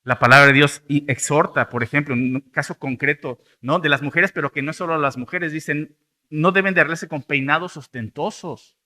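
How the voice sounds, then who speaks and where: A man with a Mexican Spanish accent preaching a sermon as pastor, swinging from loud, rising outbursts to soft, low endings. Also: fairly quick.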